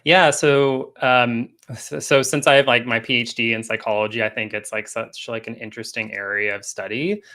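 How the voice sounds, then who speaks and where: A man speaking as a guest coach in a casual live-stream interview, relaxed, with many fillers and restarts. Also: medium pitch, moderate pace. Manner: laughs often. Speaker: guest coach and energy healer.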